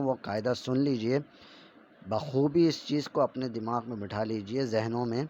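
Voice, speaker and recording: A man teaching a Quran reading lesson, drawing out syllables slowly and loudly, then explaining the rules more quickly and quietly. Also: mid-range voice, lo-fi sound, a little hiss or hum. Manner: loud slow drawn-out syllables alternating with quick quieter explanations. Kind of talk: slow recitation drill with explanations.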